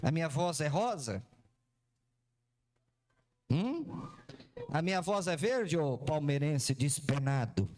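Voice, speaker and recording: Brazilian male preacher, high and lively, theatrical, quizzes the congregation, live church sermon. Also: slow pace, long pauses. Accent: Brazilian Portuguese. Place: church service before a congregation.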